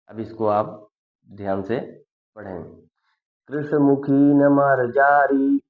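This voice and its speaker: A man teaching Sanskrit in a patient lesson, explaining words one by one and reciting verses slowly. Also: lowish voice, a little mellow, echoey room. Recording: dull lo-fi sound.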